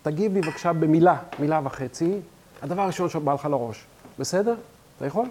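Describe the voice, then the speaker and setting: Male talk-show host, higher and mellow-voiced, faint hiss behind. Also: lively intonation. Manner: brisk, teasing questioner. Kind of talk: casual talk-show interview.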